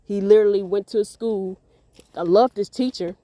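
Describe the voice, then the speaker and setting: A woman's voice: medium pitch, normal speed, dark tone, no echo. A woman sharing a rambling, faith-filled parenting story in a casual vlog, a little out of breath as she walks outdoors. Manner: earnest, rambling, faith-filled, repeats words. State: a bit out of breath. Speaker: parent vlogger.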